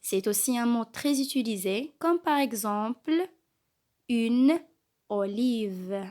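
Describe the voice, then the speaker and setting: A woman teaching a kindergarten reading lesson, slowly and carefully sounding out each letter and syllable. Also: fairly high pitch, lively intonation, warm tone. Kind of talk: slow scripted reading lesson.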